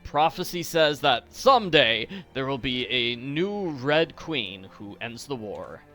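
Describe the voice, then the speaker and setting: A man's voice: medium pitch, animated, slow, sharp tone, faint music behind. A man hosting a game walkthrough with casual, playful, jokey commentary.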